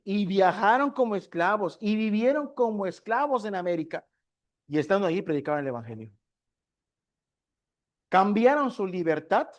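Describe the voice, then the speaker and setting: A man preaching a sermon as pastor of a discipleship class, often asking his listeners rhetorical questions and answering them himself. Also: high voice. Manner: asks the congregation frequent rhetorical questions.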